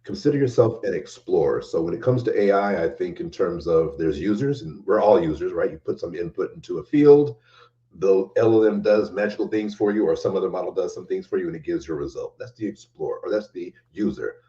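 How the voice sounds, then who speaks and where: A man's voice: low-pitched, a little fast, warm tone, far from the mic, highs cut off. A man talking as a guest on a podcast, giving earnest, emphatic advice and repeating key phrases. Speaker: guest developer advocate. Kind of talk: casual podcast conversation.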